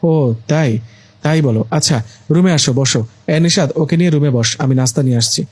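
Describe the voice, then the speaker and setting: A man's voice: fairly high pitch, moderate pace, a little mellow, slightly rough, no room sound. A man doing a bossy scolding mother. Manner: scolding, pushy. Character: middle-aged mother, bossy and eager for the wedding.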